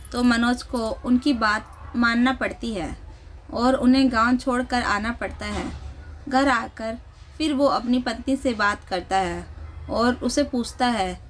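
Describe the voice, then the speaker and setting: Woman storyteller, steady plain reading, higher pitch, faint background noise. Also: low-quality recording. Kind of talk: scripted story narration.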